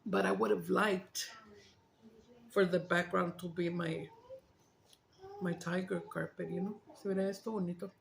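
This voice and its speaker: A woman with a Chicano English accent and a gravelly, fry-edged voice talks casually to viewers. She rambles frankly, swears, and switches between English and Spanish. There is faint noise behind her. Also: fairly low pitch, fairly even intonation, normal speed, long pauses. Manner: rambling, candid, profane. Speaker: mukbang vlogger. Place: small dining and living room at home.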